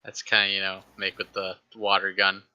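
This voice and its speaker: A very bright, smooth male voice talks haltingly at a tabletop game, often restarting. The recording sounds dull, from a modest home mic. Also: sits low, completely flat delivery. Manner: hesitant, halting. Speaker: player.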